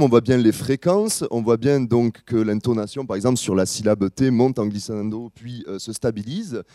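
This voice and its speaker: A French-speaking man giving an academic talk as a musicologist, explaining in a measured way with frequent hesitations. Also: medium pitch, mellow. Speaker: musicologist lecturer. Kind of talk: academic presentation.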